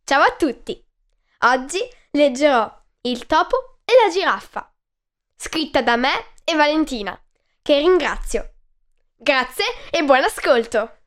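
A woman hosting a podcast, reading a children's story aloud in a slow, clear, expressive way. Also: sits high.

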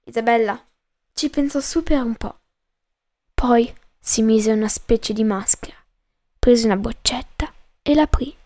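A woman reads her own short story aloud as a podcast host. Her voice is high and her delivery unhurried. She keeps a calm, measured first-person narration. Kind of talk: storytelling reading.

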